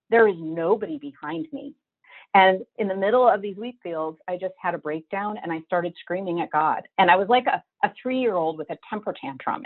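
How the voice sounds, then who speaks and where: A middle-aged woman telling her own story as a guest, vivid and emotional, acting out what she thought back then. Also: mid-range voice. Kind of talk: personal storytelling. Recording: tinny phone-like line.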